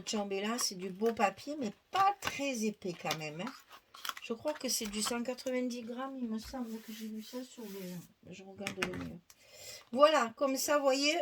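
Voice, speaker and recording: Woman, fairly high voice, casual talky craft host, light hiss behind. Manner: chatty, thinks aloud, frequent fillers; laughs at herself. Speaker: scrapbooking tutorial host.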